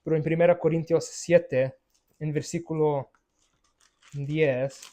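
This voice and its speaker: A man leads a Bible study lesson in a slightly high voice. He talks slowly and haltingly, restarting phrases and checking in with his listeners as he goes. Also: fairly even intonation, mellow. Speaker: Bible teacher.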